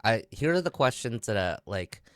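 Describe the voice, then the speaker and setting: A man's voice: on the low side, sing-song, normal speed, clean tone, no room sound, studio quality. A man co-hosting a live podcast, eagerly laying out questions for a guest. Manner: upbeat, eager interviewer. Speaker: podcast co-host. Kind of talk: casual live-stream chat.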